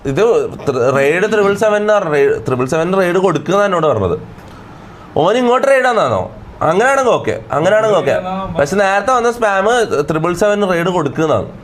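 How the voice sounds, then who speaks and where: A man lectures his stream chat in a rushed, irritated way. His voice sits a little high, and he keeps circling back to the same point. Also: sing-song, a little hiss or hum. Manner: irritated, lecturing, repeats himself. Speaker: livestreamer. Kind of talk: live-stream rant to chat.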